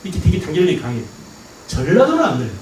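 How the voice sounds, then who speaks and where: A middle-aged male history teacher lectures at a rapid clip, his high voice leaping up and down as he keeps asking whether everyone gets it. He is recorded from a distance in a roomy, echoing hall with a faint hiss underneath. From Jeolla province, Korea. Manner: animated, keeps checking understanding with rhetorical questions. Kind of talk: lively classroom lecture. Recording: echoey hall, mic at a distance.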